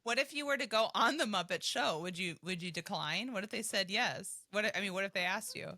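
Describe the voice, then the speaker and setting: A woman hosting a podcast, chatting casually with a playful, giggly manner. Her voice is bright and crisp. The sound is dry and close, with no room around it. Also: medium pitch, expressive, a little fast, no room sound. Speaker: podcast host. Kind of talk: casual chat.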